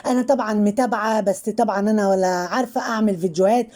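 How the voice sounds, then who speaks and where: Rapid-fire and dark-toned, a mid-range female voice with fairly even intonation delivers mocking, chatty gossip about online personalities on her channel. She has an Egyptian Arabic accent and keeps repeating the same fillers.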